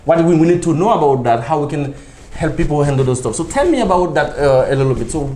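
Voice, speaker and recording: A man's voice: a little high, expressive, fast talker, warm tone. A man hosting a TV interview show, chatty and eager, laughing and firing off follow-up questions. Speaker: TV show host. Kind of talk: casual interview. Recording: roomy with faint noise.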